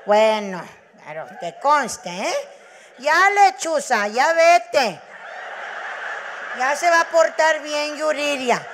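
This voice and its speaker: A woman with a Mexican accent voicing a strict, cursing mother who yells threats at her child. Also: sits high, expressive, brisk, slight background noise. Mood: menacing. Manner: yelling, cursing, menacing.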